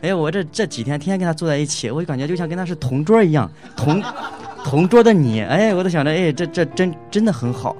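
A man's voice: on the high side, darkish tone, soft background music. A man giving a casual spoken testimony about his marriage as a husband. He hesitates, restarts and fills gaps as he talks, and he laughs often. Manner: halting, full of fillers and restarts, laughs often.

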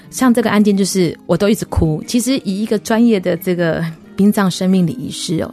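A woman, a funeral director, telling her experiences in a radio interview in an earnest, emotional way with many pauses and fillers. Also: on the low side, dark tone. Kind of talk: personal storytelling in a radio interview.

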